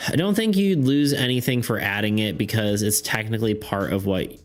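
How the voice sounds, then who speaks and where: A young man with a fairly low voice talks a little fast in a casual live stream about art and game design. He rambles with many fillers and laughs, says he's losing his voice, and faint background music runs underneath.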